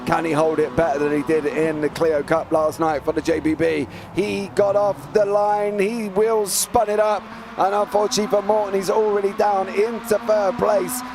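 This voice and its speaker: The British lead commentator here has a voice that sits high, with noise in the background. Chatty and teasing with his co-host, he delivers live motor racing commentary and reads out grid positions briskly.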